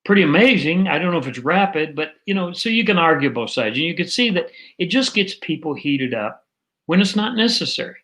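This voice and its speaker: A man's voice: on the high side, animated, fairly quick, pushed and bright, poor audio. A man hosting casual political commentary, rambling and digressive with many fillers.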